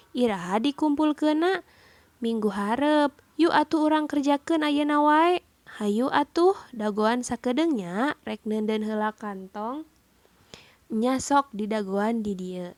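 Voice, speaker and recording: A woman's voice: fairly high pitch, dry recording. A woman reading chatty schoolgirl classmates.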